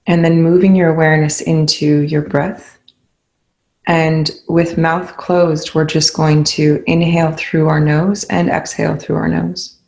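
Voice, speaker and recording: A speaker with a medium-pitched voice and vocal fry leads a guided meditation, calm and unhurried. The instructions are soothing and separated by long pauses.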